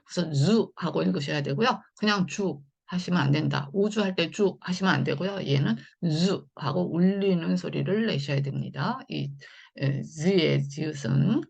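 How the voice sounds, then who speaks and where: A woman teaching English phonics in an online lesson, talking slowly and patiently with many fillers. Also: low-pitched, gravelly, slightly rough, highs cut off.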